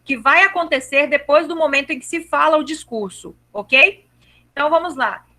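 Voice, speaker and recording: A woman teaching grammar in a live online class over a video call. Her voice sits high and sounds bright. She is patient, repeats her explanations, and checks in with the students often, slowing down to stress each verb ending.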